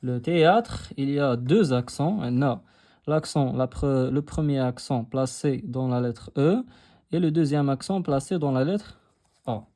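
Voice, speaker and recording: In an unhurried, warm, medium-pitched voice, a young man from Morocco walks through a textbook lesson with patience. He keeps repeating phrases and alternates between Arabic and French.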